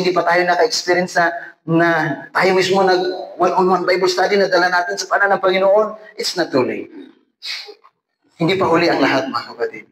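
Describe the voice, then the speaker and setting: Male revival preacher, emphatic and animated, fairly high voice, recorded in an echoey hall. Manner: emphatic, animated preaching with frequent direct appeals to the audience. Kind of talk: evangelistic sermon. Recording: echoey hall with faint ambient noise.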